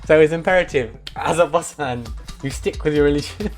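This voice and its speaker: A man's voice: fairly high pitch, a little fast, faint music behind. A young British man streaming a mock lesson to his chat in a mock-serious manner, prone to chuckling.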